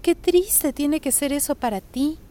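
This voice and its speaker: A woman voicing a caring mother who holds a senior post in the justice department, speaking in a soft, sympathetic murmur. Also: fairly low pitch, expressive, moderate pace, a little hiss or hum. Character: caring mother, a stern but gentle judge.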